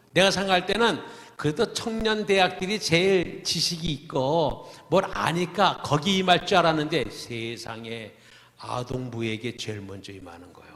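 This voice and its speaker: A middle-aged male pastor preaching a testimony sermon, telling his stories with animated, exclamatory asides. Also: on the high side, roomy sound, long reverb tail.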